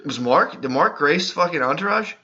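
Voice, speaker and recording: A man co-hosting a podcast, reacting with swearing and laughter, recorded at a low sample rate through a laptop so he sounds tinny. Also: expressive, moderate pace. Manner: loud, profane reactions, cracking up. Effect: low sample rate, tinny laptop audio. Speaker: podcast co-host. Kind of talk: casual chat. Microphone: laptop built-in mic.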